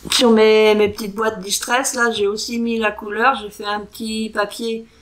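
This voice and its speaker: A woman doing a casual crafting vlog, talking in a hesitant, chatty way and sounding out foreign words slowly. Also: fairly high pitch, flat delivery, poor audio. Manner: chatty with frequent fillers and self-corrections. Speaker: crafting vlogger. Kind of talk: casual show-and-tell craft chat.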